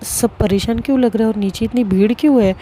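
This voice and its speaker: A caring young woman friend, put on by a female storyteller, gently chiding and worried. Her voice is soft and mellow. This is a plainly voiced storybook reading. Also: on the high side, fast talker, a little hiss or hum, lightly acted. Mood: concerned. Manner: concerned, chiding.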